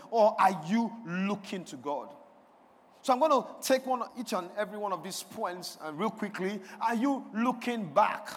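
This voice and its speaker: A man preaching a sermon to a congregation, leading call-and-response and swelling into emphatic declarations. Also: high-pitched. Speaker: pastor. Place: church sanctuary. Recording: long reverb of a large hall.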